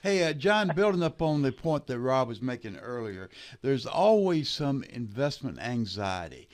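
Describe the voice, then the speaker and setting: A man's voice: medium pitch, very animated, normal speed. A man with a Tennessee accent co-hosting a radio show, asking questions in a casual, folksy way. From Tennessee, United States. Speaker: radio co-host.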